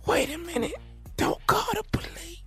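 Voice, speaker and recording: A man's voice: very high voice, animated, moderate pace, pushed and bright, soft background music, voice pushed up, full character voice. A man putting on a panicked caller who whispers from a closet and begs not to call the police. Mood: frantic whisper. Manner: frantic whispering, pleading.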